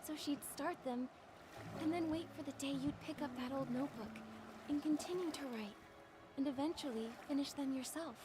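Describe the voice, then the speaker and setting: Woman voicing a game heroine, high voice, gentle, reassuring, noisy game audio. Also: normal speed, natural voice. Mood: comforting. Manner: warm and reassuring. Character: kind, gentle young heroine comforting a friend.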